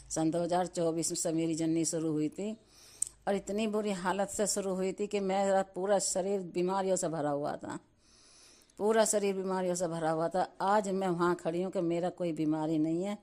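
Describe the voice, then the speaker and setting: Low, flat-voiced devout middle-aged woman. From Delhi. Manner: devout, repetitive, many restarts; halting, cuts off words midway. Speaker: devotee sharing testimony. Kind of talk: devotional testimony to a congregation.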